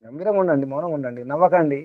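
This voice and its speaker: A man delivering a spiritual discourse with a somewhat raised pitch, circling back to the same phrases and pressing his listeners with questions. His voice comes through a thin, phone-like channel with a dry, close sound. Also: rapid-fire, dry recording. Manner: repetitive, rhetorical questioning. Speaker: spiritual teacher. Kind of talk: spiritual discourse to a small group.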